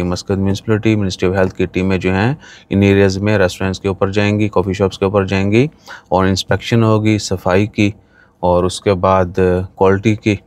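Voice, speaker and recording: A man's voice: low voice, a little mellow. A man, chatting to the camera from a parked car. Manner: chatty, gestures with his hand. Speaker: vlogger. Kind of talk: casual talk to camera. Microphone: phone on dashboard.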